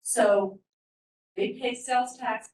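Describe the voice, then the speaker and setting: A woman gives a heartfelt public comment at a county meeting, earnest and a little halting. Her voice carries from some distance and rings in a roomy hall. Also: a little high, steady tone, a little mellow, a little hiss or hum. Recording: roomy hall, far from the mic.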